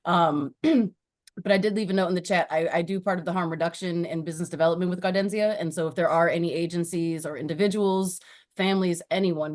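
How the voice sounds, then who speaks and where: A woman's voice: lowish voice, a little mellow. A woman who works in harm reduction, speaking enthusiastically at an online community meeting.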